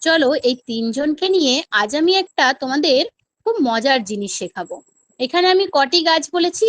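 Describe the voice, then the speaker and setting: Woman teacher, high voice, dry close recording, patient question-and-answer classroom delivery. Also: expressive, moderate pace, a bit bright, no echo. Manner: patient, asks questions and answers them herself. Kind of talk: demo classroom lesson.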